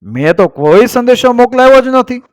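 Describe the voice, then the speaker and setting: A man voicing a jealous queen of old who storms in, shouting her accusations. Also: very animated, a little slow, dry recording. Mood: furious, accusing. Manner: shrill accusing outbursts.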